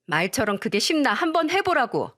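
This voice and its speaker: A woman voicing a selfish, nagging young wife who scolds and shouts at her husband in a storytelling drama. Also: a little high, very animated, a little fast, voice pushed up. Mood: irritated.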